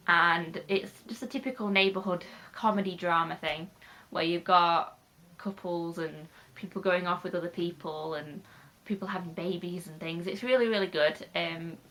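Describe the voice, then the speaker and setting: A young British woman, a YouTuber, rambles chattily through a casual vlog with frequent fillers. Her voice is fairly low, pushed and bright, and slightly nasal because she has a cold.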